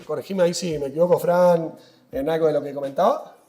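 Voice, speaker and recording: Male trainer, higher voice, patient, filler-heavy explainer. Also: fast talker, mellow, faint music behind. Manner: patient, many fillers and checks with listeners. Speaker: product trainer. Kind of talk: explaining equipment at a training session.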